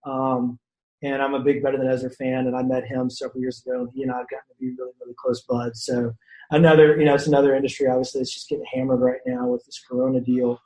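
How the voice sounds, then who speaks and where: A man's voice: mid-range voice, fast. A man from the Shreveport area of Louisiana, a podcast guest telling casual stories with lots of fillers and restarts. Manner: animated storyteller, many fillers and restarts. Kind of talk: casual storytelling chat. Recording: roomy echo.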